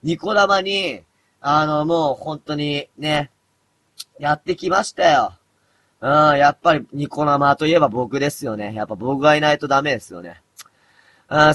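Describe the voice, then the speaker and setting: A man in his thirties chatting casually on a late-night live stream, mumbling low and then breaking into loud, rough outbursts. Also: moderate pace. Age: 30s. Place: dim room at home.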